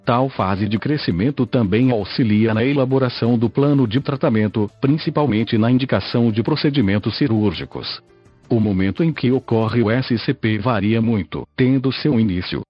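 Synthesized Brazilian male voice, muffled and husky. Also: mid-range voice. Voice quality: synthesized text-to-speech voice. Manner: stiff, mechanical reading like an old speech synthesizer. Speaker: podcast host. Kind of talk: scripted narration, reading an article aloud.

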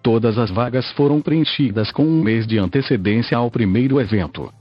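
A man's voice: medium pitch, moderate pace, no echo. A synthesized male text-to-speech voice with a Brazilian accent, like an old speech synthesizer, reading a scripted article as a podcast narrator. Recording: dull lo-fi audio with faint music.

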